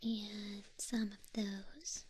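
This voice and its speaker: A woman voicing a gentle female Leafeon who runs a flower shop, speaking in a soft, soothing whisper for an ASMR roleplay. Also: mid-range voice, fairly even intonation, slightly rough. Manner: soothing, unhurried shopkeeper talk. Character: gentle female Leafeon florist, calm and helpful.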